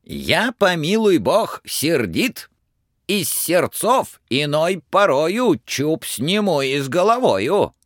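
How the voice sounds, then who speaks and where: Мужчина изображает грозного крикливого старого царя. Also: male voice, on the high side, big pitch swings, takes it slowly, no echo, clean studio sound, pitched above the performer's own voice, heavily acted. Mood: mocking. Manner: shouting, threatening. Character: angry blustering old male tsar. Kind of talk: storybook reading.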